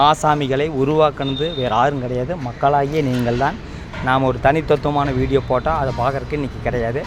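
A man's voice: mid-range voice, a little hiss or hum. A man giving opinionated commentary as a channel host, critical, admonishing and repeating his points.

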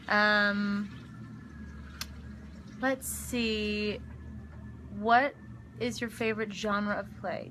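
A woman's voice: mid-range voice, sharp tone, a little hiss or hum. A young woman casually answering fan questions during a live stream, chatty with frequent ums and giggles. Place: backstage dressing room. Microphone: phone livestream.

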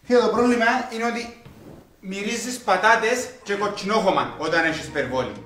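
A man's voice: high-pitched, sing-song, fairly bright tone, slight background noise. An actor with a Cypriot accent playing a cheeky man who mocks and teases. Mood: teasing. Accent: Cypriot Greek. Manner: mocking, teasing. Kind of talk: sitcom acting. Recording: echoey set from a distance.

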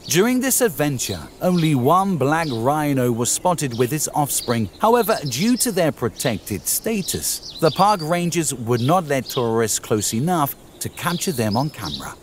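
A man reading scripted nature documentary narration in a measured, formal way. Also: fairly high pitch, big pitch swings, a little hiss or hum.

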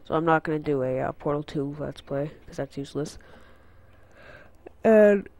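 With a fairly high, darkish male voice at normal speed, a teenage boy congested from a cold hosts his gaming channel, casually rambling through an update on an unfamiliar headset mic. He's filler-heavy and keeps going on tangents. A little hiss or hum is audible.

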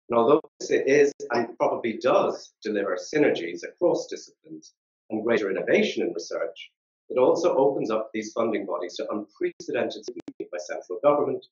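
A man giving a formal academic keynote lecture at a conference, in a measured way. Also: on the low side. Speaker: keynote speaker. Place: conference hall. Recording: echoey, dull live-stream recording.

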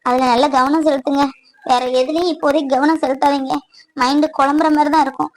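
A woman's voice: high voice, steady tone, a little fast, rough recording. Woman as a caring cartoon confidante. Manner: earnest, reassuring advice.

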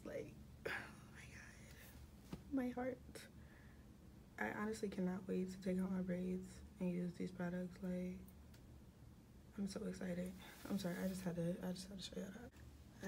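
A young woman chatting casually in a vlog, often dropping into soft whispers, in a small dorm room. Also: mid-range voice, vocal fry, background noise. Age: young adult. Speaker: vlogger.

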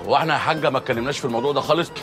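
A man with an Egyptian accent playing a nervous, flattering henchman who speaks in a hurry. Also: mid-range voice, lightly acted. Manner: flattering, hurried. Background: music score.

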